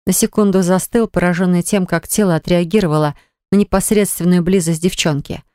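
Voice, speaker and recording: A woman narrating a romance novel in a measured, expressive reading style. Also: fairly low pitch, dry recording, clean studio sound. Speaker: audiobook narrator.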